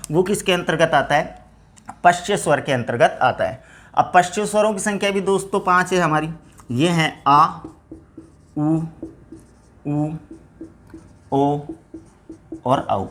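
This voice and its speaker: A man teaching grammar ahead of an exam keeps asking rhetorical questions and answering them in a subdued, lower voice. He often calls the students his friends.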